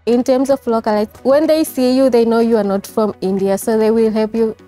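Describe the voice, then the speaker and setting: A woman's voice: a little high, fairly even intonation, brisk, warm tone, faint music behind. A young woman from Tanzania, a student, talking earnestly about her studies in an interview, recorded on a lapel mic in a lab. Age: young adult. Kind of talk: testimonial interview. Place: indoor lab with models behind.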